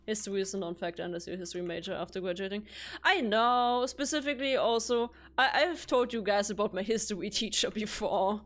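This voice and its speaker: A woman chatting casually while streaming a video game, rambling along with quick self-corrections. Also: mid-range voice, fairly even intonation. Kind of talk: casual chat while gaming.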